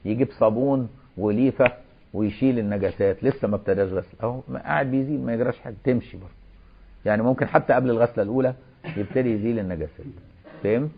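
A man's voice: mid-range voice, racing, gravelly, muffled recording. A man with an Egyptian accent, a religious teacher reading a classical text aloud and explaining it, moving between formal recitation and chatty colloquial asides.

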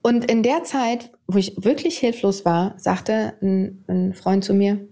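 Candid woman in her fifties, warm voice. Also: mid-range voice, measured pace, gravelly. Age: 50s. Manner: candid, animated storytelling. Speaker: interview guest, TV presenter. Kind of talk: personal testimony in conversation.

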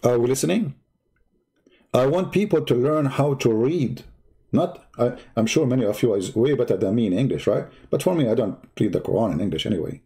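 An Arabic-speaking online debate host taunts his opponents with rhetorical questions during a heated live stream. His dark, slightly husky voice carries a combative edge, sitting at medium pitch. His intonation is lively and his pace fairly quick.

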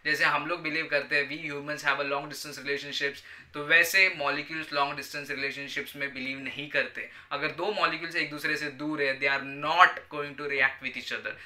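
A man's voice: fairly high pitch, little pitch movement, normal speed, bright, forceful tone. A man in his thirties teaching a chemistry lecture online, switching between Hindi and English and checking in with students as he explains with simple everyday comparisons.

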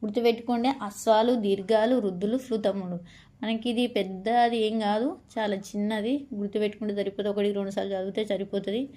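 This woman's voice is mid-range and dark, her intonation fairly even. She is preparing students for an exam, going through the alphabet slowly and stretching out every letter as she repeats it.

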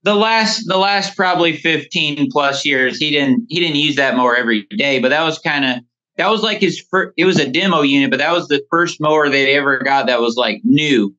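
Brisk, sharp and a little high, this man's voice comes over a dull, band-limited phone call. The thirties-aged lawn care business owner is a podcast guest who tells stories casually and in a rambling way, often saying "you know."

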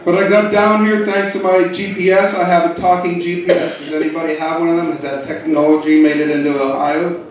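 Stand-up comic from the Pittsburgh area, deadpan punchlines, higher voice, caught far off in a reverberant club. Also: male voice, a little fast, background noise. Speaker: stand-up comedian. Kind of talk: stand-up comedy set. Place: comedy club in a hotel. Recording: echoey club heard from far off.

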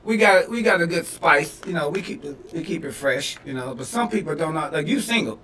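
A man in his thirties co-hosts a comedy podcast, rambling and joking with frequent laughs and restarts. His voice is bright and sits a little high. He is a bit back from the mic in an echoey room with a faint hum of ambience behind him. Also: animated, fairly quick. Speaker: podcast co-host. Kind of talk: casual comedy podcast banter. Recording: roomy echo, mic a bit far off.

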